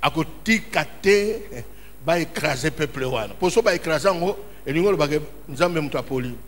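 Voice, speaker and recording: A man's voice: a little high, fairly bright tone. A man preaching a sermon as pastor in a church hall, impassioned and calling out in emphatic bursts. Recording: reverberant hall with faint ambience.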